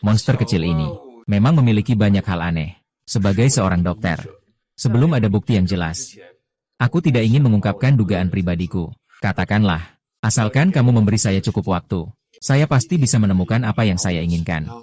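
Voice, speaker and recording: Male dub reader with a deep, warm tone, voicing every role in one even delivery. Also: brisk. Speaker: dub voice reading all parts. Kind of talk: flat dubbed drama dialogue.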